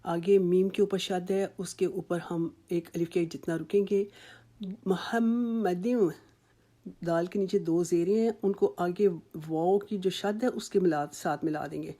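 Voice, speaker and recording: A woman teaching Quran recitation rules in a slow, patient lesson, drawing out words as she models them and reassuring her students. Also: on the low side, fairly even intonation, dark tone. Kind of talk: slow instructional tajweed lesson.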